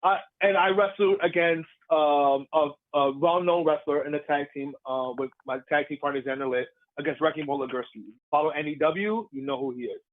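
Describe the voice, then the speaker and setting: A man, a professional wrestler, telling stories in a casual interview, lively and laughing as he acts out the crowd's voices. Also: on the high side, brisk, hardly any pauses, narrow, tinny audio. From Puerto Rican heritage.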